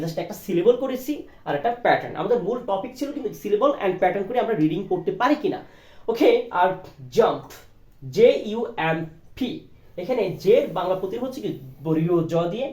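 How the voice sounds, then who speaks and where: A man's voice: high voice, lively intonation, fast talker, darkish tone, recorded from a distance. A man teaching English reading, spelling words out letter by letter, mixing Bengali with English phrases, and often checking with "right?". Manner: mixes Bengali with English phrases, coughs now and then. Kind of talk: spoken language lesson. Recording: roomy, from off the mic.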